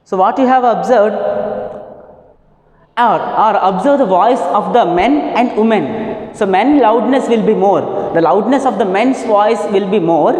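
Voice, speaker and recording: A woman teacher with an Indian English accent giving a physics lesson, repeating key terms slowly and asking then answering her own questions. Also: a little high, darkish tone. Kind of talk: classroom lesson. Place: classroom. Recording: echoey room with long reverb.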